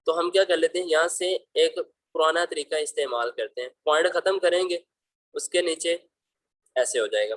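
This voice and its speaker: Explaining math problems over slides, a man with a fairly high pitch patiently leads students through every step. His tone is fatherly, and he fondly refers to them as "beta." The audio is dry and poor.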